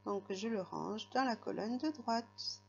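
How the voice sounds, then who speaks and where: A woman's voice: fairly high pitch, takes it slowly, gravelly, lo-fi sound. A woman teaching a young child to read, patiently spelling out letters and sounds. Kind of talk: reading lesson for a young child.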